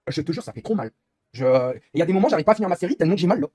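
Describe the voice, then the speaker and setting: A man's voice: high voice, animated, racing, dark tone, breathy edge, dry recording, clean studio sound. A young man live-streaming while gaming, rambling in casual chat and swearing often as he complains.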